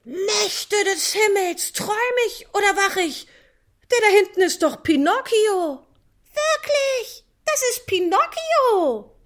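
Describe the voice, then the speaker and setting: A woman voicing a male puppet jester who cries out in a high, overly dramatic voice. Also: lively intonation, slow, full character voice. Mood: dramatic amazement. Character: theatrical male puppet jester, wildly excited.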